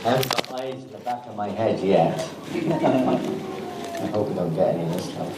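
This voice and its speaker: Low-voiced man teaching in an echoey hall. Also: measured pace. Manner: conversational, rambling with restarts and chuckles. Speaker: spiritual teacher giving a class. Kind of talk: informal spiritual talk. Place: temple hall. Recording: roomy hall audio from a distance, noisy.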